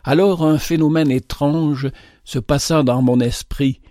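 A man narrates a literary tale in a measured, dramatic manner, his voice sitting slightly high for a man. He is miked close, and the sound is completely dry. Each sentence is delivered with storytelling weight. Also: steady tone, mellow, no echo.

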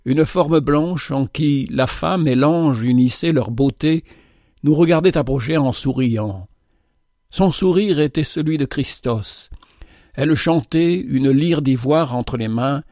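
A man narrating a literary story in a measured, dramatic storytelling manner. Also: mid-range voice, dark tone, no echo, studio quality.

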